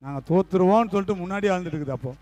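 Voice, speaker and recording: Man, high-pitched, teasing cricket banter. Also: very fast, dark tone, no room sound, lo-fi sound. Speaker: co-commentator.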